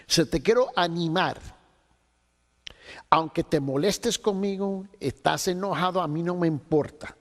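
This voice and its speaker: A man with a slightly high, somewhat bright voice teaches theology to pastors at an unhurried pace. He tells a story, acting out the dialogue and slipping in English words, and the recording carries long hall reverb.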